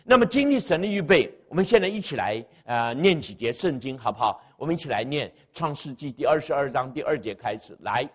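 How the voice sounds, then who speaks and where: Speaking a little fast with hardly any pauses, this pastor has a medium-pitched, sing-song, slightly rough voice. He preaches through an amplified mic in a church sanctuary with a sound system, repeating key phrases and urging the congregation to call out their answers.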